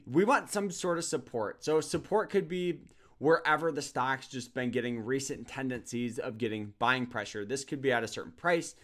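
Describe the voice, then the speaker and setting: A man's voice: medium pitch, moderate pace, fairly bright tone. Upbeat man teaching swing trading. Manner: upbeat and promotional, repeats words. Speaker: trading course host. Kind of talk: screen-share trading lesson.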